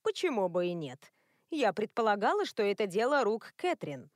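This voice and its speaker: A woman's voice: medium pitch, sing-song, moderate pace, no echo, clean studio sound, lightly acted. A woman reading the part of a bossy, caring older secretary who scolds and teases. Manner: scolding, teasing.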